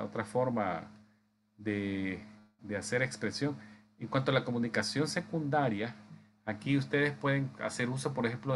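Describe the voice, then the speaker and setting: A man teaches a class for medical assistants in a halting way, restarting phrases and checking in with rhetorical tag questions. His voice sits at a middle pitch. A faint hiss of noise runs under the recording. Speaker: instructor. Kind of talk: slide-based lecture.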